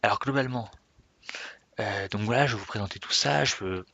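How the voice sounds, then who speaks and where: A man's voice: lowish voice, a little fast, creaky, sharp tone, no echo, highs cut off. A man giving an unscripted, rambling introduction to himself and his gaming server, often correcting himself and laughing at himself. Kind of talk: unscripted casual vlog talk.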